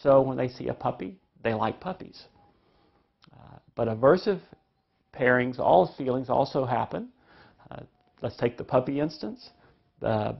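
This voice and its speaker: A man with a gravelly voice teaches a parenting lesson, explaining step by step with examples. He now and then acts out parents and children. The recording sounds dull and lo-fi. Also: mid-range voice. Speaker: parenting instructor. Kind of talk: recorded parenting class lecture.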